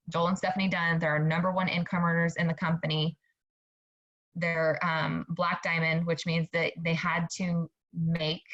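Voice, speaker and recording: Speaking in a lowish, fairly bright voice, a woman in her thirties who leads a network marketing team delivers an upbeat, chatty motivational talk to her sales team. She repeatedly turns to her listeners with "you guys." The recording has its highs cut off.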